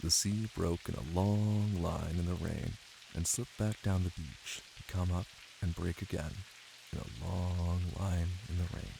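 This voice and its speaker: In an intimate ASMR roleplay, a man plays a caring, playful young boyfriend reading a bedtime story to his partner in a deep, gravelly voice. His steady, measured delivery is tender, calm, and teasing, close and cozy on a close microphone. Rain ambience and other background noise fill the background.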